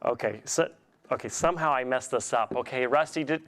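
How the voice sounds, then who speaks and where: A man's voice: medium pitch, fairly quick, fairly bright tone. A man performing as a kids party magician, encouraging and playful, asking children simple questions as he talks them through a trick. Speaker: kids' magician, guest entertainer. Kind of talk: interactive children's magic show patter.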